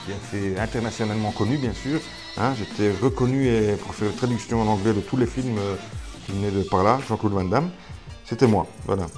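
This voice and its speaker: Hesitant man, lowish voice. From Belgium. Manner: hesitant, many fillers and restarts, self-mocking. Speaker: gardening YouTuber. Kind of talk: casual vlog talk to camera.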